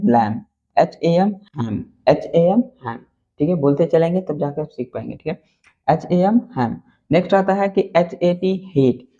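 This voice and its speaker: A man with a Hindi accent, a Hindi speaker at heart, teaches English letter sounds to beginners. His voice sits a little high yet sounds mellow, and the recording is slightly dull. He spells words out letter by letter and repeats each answer. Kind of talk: phonics lesson for beginners.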